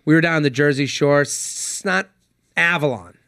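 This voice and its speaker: A man, a comedian guest on a podcast, telling a story in casual chat, animated and swearing freely. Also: on the high side, normal speed, clean tone, no echo, studio quality.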